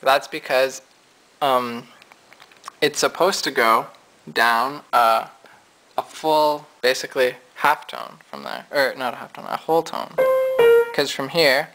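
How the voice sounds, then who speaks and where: Male piano teacher, loose and conversational, bright tone, faint piano behind him. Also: mid-range voice, fairly even intonation, slow pace, pauses often, poor audio. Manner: loose and chatty, explaining at the keyboard. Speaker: music teacher. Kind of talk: casual piano lesson. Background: piano notes.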